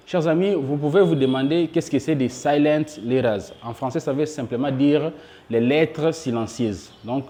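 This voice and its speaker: A man gives a patient pronunciation lesson in a warm, mellow voice. He repeats each example word slowly and speaks to his viewers as friends. His pitch sits in an ordinary middle range. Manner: addresses viewers as dear friends. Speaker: English pronunciation teacher. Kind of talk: spoken lesson for French speakers.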